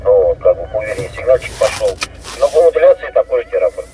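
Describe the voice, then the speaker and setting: A man's voice comes through a CB car radio, sounding distant, as if from the speaker across the cabin. His tone is dark and mellow. He talks in terse, casual radio replies. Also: fairly low pitch, expressive, rapid-fire, a little hiss or hum. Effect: heard over a CB car radio. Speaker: radio operator answering a call. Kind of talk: brief radio exchange.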